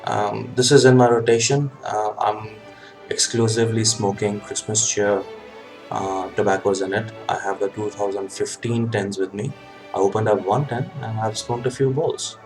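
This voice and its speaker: A man talking casually to a webcam as a hobby video host, in a halting way with frequent ums and pauses. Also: on the low side, fairly even intonation, darkish tone, faint music behind, rough recording. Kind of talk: casual vlog talk. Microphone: webcam setup.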